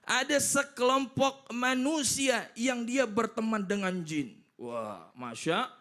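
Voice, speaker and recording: A man's voice: very high voice, slow pace, fairly bright tone. Playful male TV preacher. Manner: playful, acts out voices and jokes. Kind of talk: humorous televised sermon.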